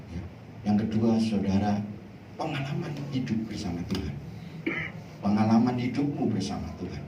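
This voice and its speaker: A male pastor preaching a lively sermon, his voice leaping high for emphasis. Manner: animated preaching, swoops high in pitch, mixes in Javanese phrases. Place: church hall. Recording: echoey church hall, mic at a distance, faint noise.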